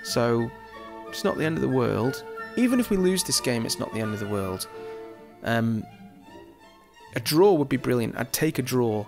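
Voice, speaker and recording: A man giving chatty, excitable let's-play commentary over a football management game, reacting loudly to the match. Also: mid-range voice, moderate pace, gravelly, music in the background. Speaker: gaming YouTuber.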